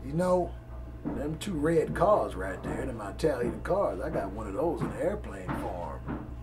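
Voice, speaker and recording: A man's voice: medium pitch, sing-song, measured pace, music in the background, pitched below the performer's own voice. A man putting on a plain-spoken old country man with a rural American accent. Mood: matter-of-fact.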